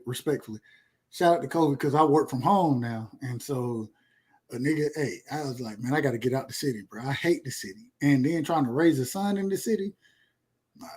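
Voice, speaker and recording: Speaking at medium pitch with a breathy edge, this Georgia-born man in his 30s hosts a podcast. His talk is relaxed and bragging, wandering along with plenty of repetition.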